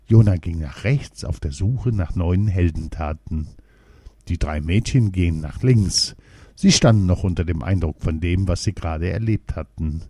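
A man reading a children's story aloud in a calm, measured storybook narration. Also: low-pitched, slightly rough, no room sound.

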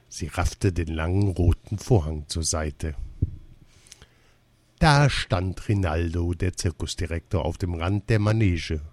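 Ein Mann, der ausdrucksvoll ein Kinderbuch vorliest. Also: male voice, deep voice, no room sound. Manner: expressive, measured storytelling. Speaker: audiobook narrator. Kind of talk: children's story narration.

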